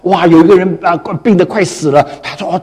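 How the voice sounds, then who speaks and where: Male pastor, animated storyteller, husky voice. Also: high voice, brisk, in a large hall. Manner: storytelling, animated, frequent tag particles. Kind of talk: sermon.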